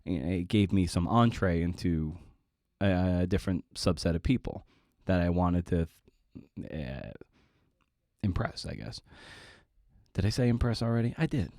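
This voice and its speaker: A middle-aged man hosts a podcast in a casual, confessional style, rambling, swearing, and poking fun at himself. His voice is on the low side and a little mellow, recorded in studio quality with no echo.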